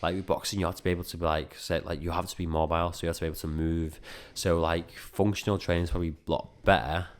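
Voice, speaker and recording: A man's voice: low-pitched, level tone, quick pace, few pauses. A man who cannot pronounce his R's, saying w for r, chatting informally as a coach in an interview, rambling and peppered with filler words. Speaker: strength and conditioning coach being interviewed. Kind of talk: casual interview chat.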